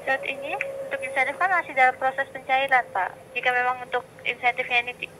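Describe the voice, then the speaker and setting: A woman's voice: high-pitched, fairly even intonation, fairly quick. A woman in a polite, formal customer service voice, working through scripted help on a call. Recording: phone call recording with clear background noise.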